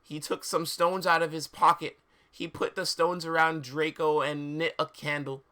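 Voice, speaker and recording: On a reading stream, a male host with a fairly high, bright, forceful voice reads fan fiction with theatrical drama and chats casually with his audience. His delivery is flat, and he speaks at a normal speed.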